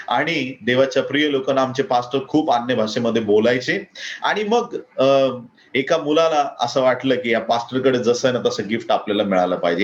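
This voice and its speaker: A man preaching a sermon with a Marathi accent, rising in pitch to declaim his points. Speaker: pastor. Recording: slightly dull lo-fi recording.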